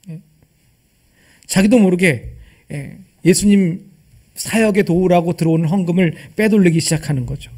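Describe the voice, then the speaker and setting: Pastor guy preaching, high mellow voice kinda husky, keeps throwing questions at the church. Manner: asks the congregation rhetorical questions; acts out quoted dialogue. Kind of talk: sermon. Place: church service.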